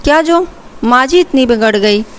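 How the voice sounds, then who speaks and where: A woman's voice: high voice, moderate pace. A woman reading as a worried young son. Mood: concerned. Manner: concerned, calming.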